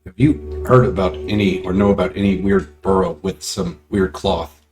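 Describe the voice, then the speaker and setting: A man with a very low-pitched voice takes part in a tabletop fantasy game as a player. He talks casually, stating what he does and asks. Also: fairly even intonation, normal speed.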